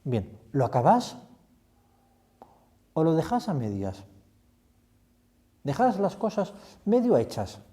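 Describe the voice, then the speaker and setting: A man's voice: on the high side, huge pitch swings, slow, pauses often, warm tone. A man, a priest leading a retreat meditation, reflective and putting many questions to the listener.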